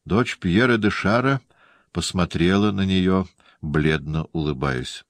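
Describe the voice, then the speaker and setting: Deep-voiced man, measured audiobook narration, dry close studio sound. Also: no echo. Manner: measured storytelling. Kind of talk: scripted narration.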